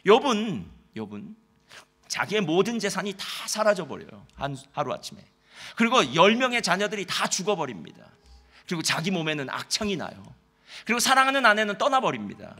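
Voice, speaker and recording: A man preaching a sermon in church with a high, bright voice that climbs and falls with great animation. He speaks straight to the congregation, throws rhetorical questions at them, and voices the old laments he quotes with feeling. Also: very animated, brisk, slightly rough. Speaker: pastor.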